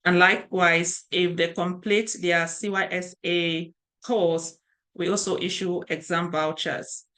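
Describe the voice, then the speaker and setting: Middle-aged woman from Cameroon, cybersecurity instructor on a webcam call, lowish voice, loose and chatty with many ums. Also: level tone, a little slow, fairly bright tone. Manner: conversational, with frequent fillers and restarts. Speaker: cybersecurity instructor and training founder. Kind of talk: online training session presentation. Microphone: webcam video call.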